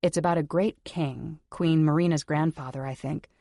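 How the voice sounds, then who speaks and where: A woman reading a first-person audiobook in an intimate manner, sometimes dropping into soft whispers. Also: low-pitched, fairly even intonation, moderate pace, dry recording, clean studio sound. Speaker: audiobook narrator. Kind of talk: scripted first-person narration.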